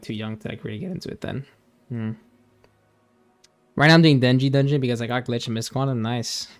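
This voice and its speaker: A young man streaming a game, chatting casually with viewers in a rambling, laid-back way, full of fillers and restarts. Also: mid-range voice. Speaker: gaming streamer. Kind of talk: casual chat while gaming, reading chat.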